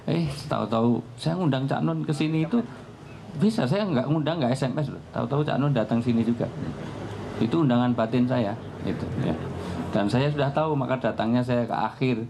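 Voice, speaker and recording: A man's voice: mid-range voice, brisk, gravelly, background noise. A man giving a humorous religious talk at a live public forum, telling anecdotes and joking as he goes. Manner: joking, anecdotal storytelling with frequent laughs. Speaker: Islamic preacher.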